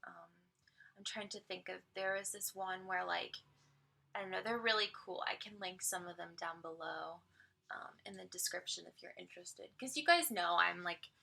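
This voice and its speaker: Fry-voiced young woman musing while doing makeup. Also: on the low side, normal speed, bright, forceful tone. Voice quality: vocal fry. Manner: rambling, filler-heavy, musing. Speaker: vlogger. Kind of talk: casual get-ready-with-me vlog.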